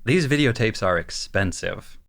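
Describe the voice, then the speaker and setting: A man's voice: on the low side, lively intonation, moderate pace, creaky, fairly bright tone. Wry, joking male podcast co-host. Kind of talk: casual podcast discussion.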